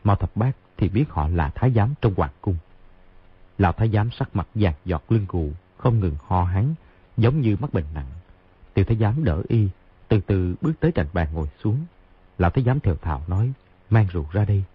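A man narrating a martial-arts novel in an expressive, brisk storytelling way. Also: on the low side, husky. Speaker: audiobook narrator. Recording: tinny phone-like sound.

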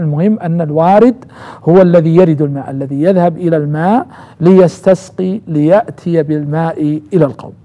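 A man with a fairly high, mellow voice teaches a Quranic exegesis lesson. He goes slowly, repeats each phrase and stretches out the verses he quotes. The recording sounds dull and lo-fi.

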